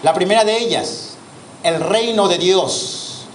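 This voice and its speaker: Mexican pastor preaching; high-pitched male voice, faint hiss, church reverb. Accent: Mexican Spanish. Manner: preaching with drawn-out emphasis and rhetorical questions to the congregation. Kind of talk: sermon. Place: church hall. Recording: echoey church hall with faint noise.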